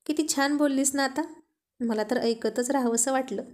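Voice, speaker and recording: Woman voicing a playful young husband, teasing, affectionate, high voice. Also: moderate pace, a little mellow, close to an everyday voice.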